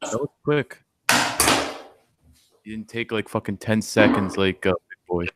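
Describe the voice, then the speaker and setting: A man's voice: on the low side, measured pace, very noisy. A man joking and heckling from off camera during a live stream. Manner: teasing, crude, excitable. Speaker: off-camera guest. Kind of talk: casual chat.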